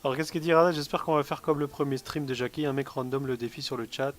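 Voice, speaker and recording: A man's voice: mid-range voice, fairly even intonation, fast talker, a little hiss or hum. A man chatting casually as he co-hosts a live game stream.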